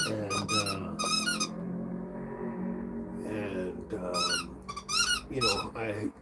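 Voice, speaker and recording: In a very noisy recording, a middle-aged man with a lowish voice and a flu-stuffed nose hosts a casual livestream from home. Talking through a laptop microphone, he rambles comfortably, reading comments and speaking to viewers by name.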